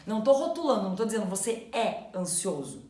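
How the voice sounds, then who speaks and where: A woman co-hosting a casual explanatory chat, animated and acting out inner thoughts in quotes. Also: medium pitch, fast talker. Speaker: co-host. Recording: echoey room.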